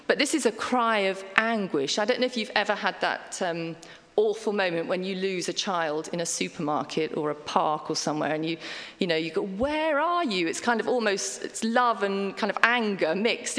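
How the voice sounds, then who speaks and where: A woman's voice: on the low side, a bit bright. A middle-aged woman giving a conversational sermon, chatty and self-deprecating with frequent ums and asides. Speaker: preacher. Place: church hall. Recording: long hall reverb.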